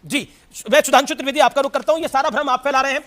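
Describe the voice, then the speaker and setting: A man moderating a heated television debate, cutting in briskly to steer the speakers. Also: very high voice, fairly even intonation, a bit bright. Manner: brisk, cuts in with quick acknowledgments. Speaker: TV debate anchor.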